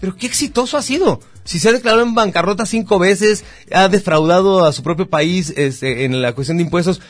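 A man's voice: high voice, brisk, no room sound. A man hosting a radio talk show, talking casually and with strong opinions, using many fillers.

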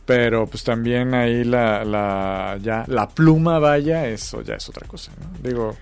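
A man's voice: medium pitch, unhurried, vocal fry, clean tone, soft background music. A man, talking in a rambling, hesitant way, full of fillers, as co-host of a casual chat about film awards. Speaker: podcast co-host.

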